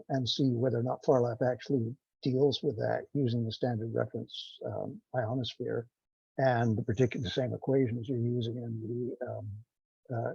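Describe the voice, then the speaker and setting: A creaky, warm male voice of medium pitch with a breathy edge, in a dry recording. He joins a group technical call as a project participant who isn't a scientist, talking casually in a halting, rambling, self-deprecating way over a dull, lo-fi connection.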